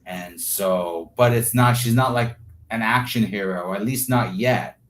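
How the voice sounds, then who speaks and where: An artist is interviewed about his creative process, speaking casually and thoughtfully in a lowish, fairly bright voice at a slightly slow pace. He often searches for words and sprinkles in "like" and "you know".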